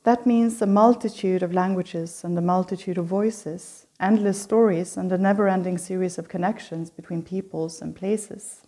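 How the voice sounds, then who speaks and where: A middle-aged woman from Sweden giving a prepared opening lecture as host of a lecture series, in a measured, reflective reading. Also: on the low side, fairly even intonation, mellow.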